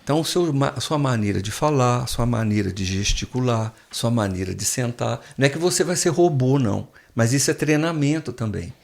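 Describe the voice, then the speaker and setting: A man's voice: mid-range voice, lively intonation, a little fast, vocal fry, hardly any pauses. A man, a guest professor who explains things patiently with frequent restarts in a casual podcast chat in a studio.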